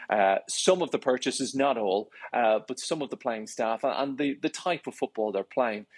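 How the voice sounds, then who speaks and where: A man sports correspondent gives commentary on a news programme. His voice is husky and mid-pitched, and he speaks deliberately, with fillers and restarts.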